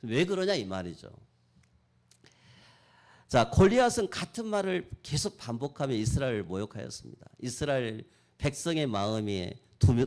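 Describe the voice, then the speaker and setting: A male pastor delivering a Sunday sermon in a church. His voice has a gravelly texture and a lively, wide-ranging pitch. He alternates between loud exhortation and quiet, acted-out prayers. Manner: preaching with sudden loud and soft swings, acting out prayers. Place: church sanctuary.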